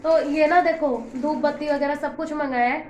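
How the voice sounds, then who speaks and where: A high-pitched young woman talks through a casual home vlog voice-over. She keeps up a chatty, complaining run of storytelling, with a roomy echo around her voice from the room at home. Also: fairly even intonation, normal speed, darkish tone. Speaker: home vlogger.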